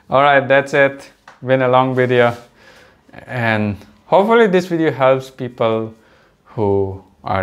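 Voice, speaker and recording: Speaking hesitantly to his camera, this young male vlogger keeps pausing to fix what he's said, his voice sitting fairly low. English isn't his native tongue but rather a third or fourth language, carried in an accent mixing British, American and Indian English.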